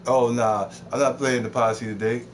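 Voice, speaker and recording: A man's voice: mid-range voice, fairly even intonation, normal speed, slight background noise. Rambling, profane male streamer. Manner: rambling, profane, repeats words, mocks others in put-on voices. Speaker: live streamer. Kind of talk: off-the-cuff rant while gaming.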